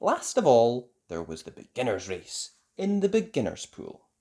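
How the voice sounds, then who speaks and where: Reading a scripted children's story, this medium-pitched narrator speaks expressively, with a deliberate, sing-song delivery meant for young kids.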